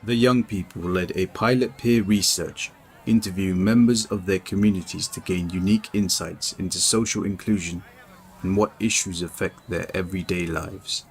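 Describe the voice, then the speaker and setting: A man giving scripted documentary narration in a measured, even delivery. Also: deep voice, a little hiss or hum. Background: music.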